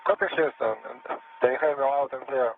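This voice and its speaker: A man's voice: mid-range voice, steady tone, normal speed, noisy background. A man on a crew radio voice check, speaking in clipped radio procedure over a tinny comm link.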